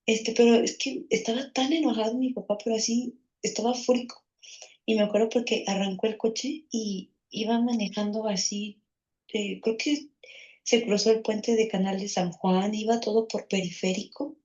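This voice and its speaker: A woman's voice: mid-range voice, fairly even intonation, moderate pace, darkish tone, lo-fi sound. A woman with a Mexican accent recounting a childhood memory, rambling with many fillers and restarts. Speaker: guest in a therapy session. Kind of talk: personal storytelling.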